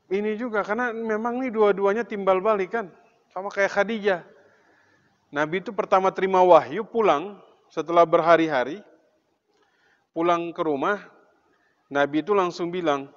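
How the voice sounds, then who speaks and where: A man's voice: high-pitched, normal speed, long pauses. Male preacher, mosque sermon, quizzes the crowd, long reverb. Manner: asks the congregation questions, tells anecdotes with humor. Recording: dull sound with long reverb in a hall.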